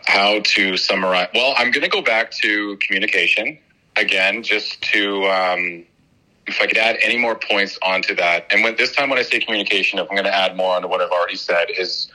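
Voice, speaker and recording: Forceful, bright-voiced man guesting on podcast. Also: lowish voice, low-quality recording. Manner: energetic and persuasive. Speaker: guest speaker. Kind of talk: conversational interview answers.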